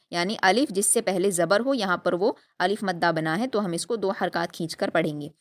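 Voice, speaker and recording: A woman leads an online recitation lesson in a smooth, resonant voice at an ordinary middle pitch. She explains each rule patiently and keeps checking that her students follow. She draws out the practice syllables slowly so they can be copied. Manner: asks rhetorical check questions. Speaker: Quran recitation teacher.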